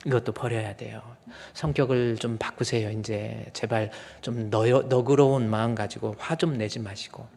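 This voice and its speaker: A man's voice: medium pitch, fairly even intonation, normal speed, gravelly, hardly any pauses. A middle-aged man, a pastor, preaching an emphatic sermon in a church sanctuary. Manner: emphatic preaching, acts out quoted lines with sudden loud outbursts. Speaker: senior pastor. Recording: long church hall reverb.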